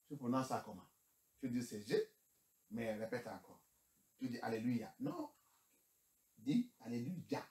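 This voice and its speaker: A male pastor preaching, who moves between English and French and fires rhetorical questions at the congregation. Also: medium pitch. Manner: switches between English and French, rising to shouts. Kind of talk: sermon.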